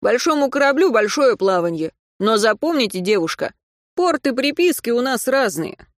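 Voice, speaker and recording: A woman reads an audiobook in a slightly high, sing-song voice, pitched above her natural register, at a normal pace. She's voicing a sarcastic young man who sounds curt and mocking. The studio-quality recording has no room sound.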